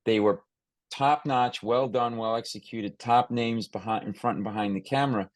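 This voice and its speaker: An American man hosts a conversational podcast interview, speaking emphatically and frequently restarting and repeating phrases. His voice is medium-pitched, his pace moderate, and the recording has no echo.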